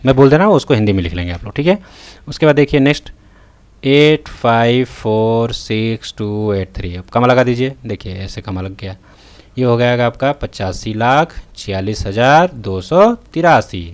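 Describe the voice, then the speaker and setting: Writing on a tablet as he speaks, a man from North India teaches a math lesson, regularly checking in with his students and using "theek hai" and "hai na" again and again. The voice-over is mid-range, brisk, with lively intonation.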